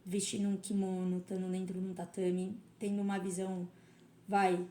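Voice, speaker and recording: A woman's voice: mid-range voice, completely flat delivery, moderate pace, warm tone. A woman guest on a podcast, telling her story in a reflective, conversational way. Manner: reflective, storytelling with quoted self-talk. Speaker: podcast guest, karate teacher. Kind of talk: casual interview conversation. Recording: roomy echo.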